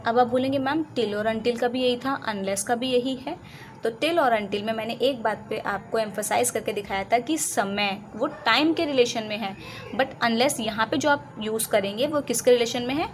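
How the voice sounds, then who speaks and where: A fairly high-voiced woman with an Indian accent teaches English conjunctions, explaining in Hindi. She reads each English example slowly and deliberately, then asks and answers her own questions. A faint hiss sits under the recording. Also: poor audio.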